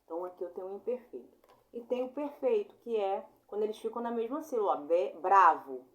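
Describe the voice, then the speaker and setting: A young Brazilian woman giving a casual online grammar lesson, chatty and informal, apologizing often and spelling sounds out slowly. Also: medium pitch, animated, lo-fi sound. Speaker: Portuguese teacher.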